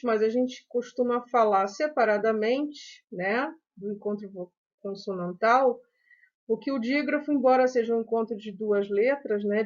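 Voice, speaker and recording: A woman schoolteacher with a Brazilian Portuguese accent walks children through a recorded review lesson, slowly and patiently. Her voice sits a little high, and she keeps checking in with short questions. The recording sounds dull and lo-fi. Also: a little mellow. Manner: slow, patient explanation with frequent "né?" and "ok?" checks. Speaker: teacher.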